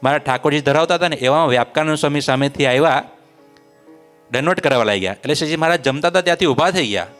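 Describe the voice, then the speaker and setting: A man's voice: on the high side, fast talker, a bit bright, soft background music. Man telling a devotional story. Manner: repetitive, sing-song storytelling. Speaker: religious storyteller.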